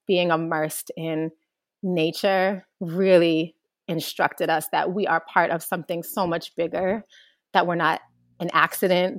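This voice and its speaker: A young adult woman answering an interview question, speaking earnestly in long, flowing thoughts that grow lively when she recalls childhood. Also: fairly low pitch, no echo, clean studio sound. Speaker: guest, organizer.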